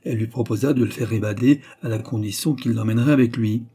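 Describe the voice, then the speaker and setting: A man's voice: mid-range voice, quick pace, mellow, slightly rough. A man reading aloud and voicing a big, awkward young nobleman pleading with the woman he loves. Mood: storytelling. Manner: earnest, pleading.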